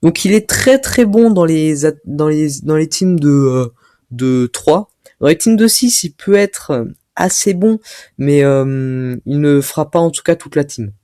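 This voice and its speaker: Young guy doing a game strategy tutorial, lots of uhs and restarts, soft warm voice, dry close mic. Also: fairly high pitch, animated, unhurried, no room sound. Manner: hesitant, full of filler sounds and restarts. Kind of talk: casual gameplay tutorial commentary.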